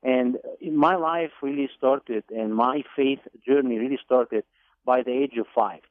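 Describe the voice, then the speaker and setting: A man's voice: medium pitch, dry recording. Man from Egypt on a tinny phone line. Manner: deliberate, with repeated words and fillers. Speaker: guest. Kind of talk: telling his life story on a radio call-in. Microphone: telephone.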